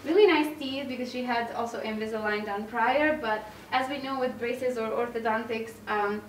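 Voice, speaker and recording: A woman's voice: a little high, normal speed, distant mic. A woman dentist patiently explaining a dental procedure while talking through a face mask, with casual fillers. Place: dental clinic, indoors. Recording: echoey room, voice from off-mic, faint background hiss.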